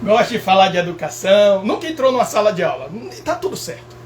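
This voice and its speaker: A Brazilian man speaks with a Brazilian Portuguese accent in a fairly high voice, animated and emphatic, as he gives a casual motivational talk. A faint hum sits under his speech. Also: quick pace. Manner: animated and emphatic, repeats phrases, asks listeners "certo?". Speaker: professor and speaker.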